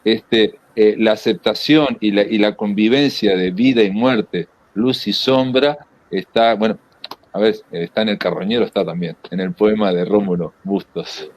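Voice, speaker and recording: A man with a Rioplatense Spanish accent moderating a literary interview in a conversational, halting and discursive way, often rephrasing. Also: fairly low pitch, dull audio.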